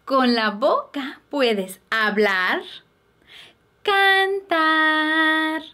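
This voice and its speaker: A woman's voice: sits high, very animated, drawn-out words, fairly bright tone. A woman teaching Spanish words to babies and toddlers, with bouncy, giggly baby talk and playful animal sounds. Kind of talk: slow, sing-song teaching for babies.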